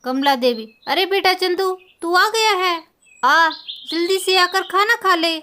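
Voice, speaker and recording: A woman's voice: very high voice, unhurried, bright, forceful tone, heavily acted. A woman voicing a busy village mother who hurries her children along. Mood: hurried. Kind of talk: storybook voice acting.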